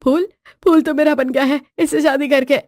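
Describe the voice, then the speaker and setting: A woman's voice: high-pitched, fairly even intonation, normal speed, darkish tone, dry recording, studio quality, pitched above the performer's own voice, natural voice. A woman voicing a weary, henpecked young husband in a storybook tale, grumbling and pleading.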